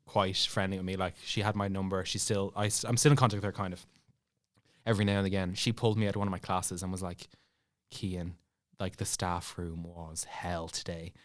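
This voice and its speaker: A low-pitched young Irish man speaks at a moderate pace, recounting a personal tale as a podcast guest in easygoing chat. His animated telling includes acted-out dialogue and asides delivered with a laugh.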